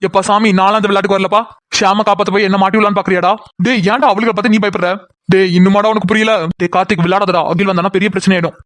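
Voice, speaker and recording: A man voicing several male characters in a cartoon, quick and bantering, often flirty. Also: high voice, level tone, a bit bright, no echo, clean studio sound. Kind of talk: Tamil cartoon voice acting.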